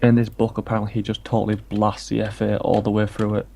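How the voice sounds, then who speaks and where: Low, mellow-voiced man chatting football. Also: monotone, fast talker, vocal fry, slight background noise. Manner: chatty, rambling football talk. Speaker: streamer. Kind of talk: casual chat while gaming.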